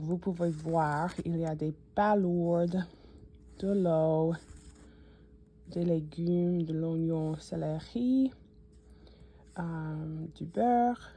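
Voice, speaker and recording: A woman's voice: on the low side, creaky, mellow, slightly rough. A woman from the New York suburbs with an American accent, a native English speaker, hesitantly walking viewers through a cookbook in a casual vlog. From United States (New York suburbs). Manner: hesitant, frequent fillers and self-corrections. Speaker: cooking channel host.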